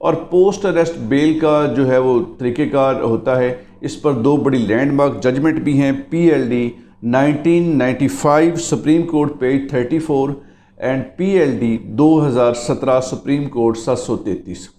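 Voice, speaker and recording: A man, speaking as a lawyer in a lecture. His voice is mellow and unhurried, and he walks through each point patiently, again and again reminding listeners what to remember. The sound carries a noticeable room echo. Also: medium pitch. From Pakistan. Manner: explanatory, keeps repeating "remember". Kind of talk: legal lecture.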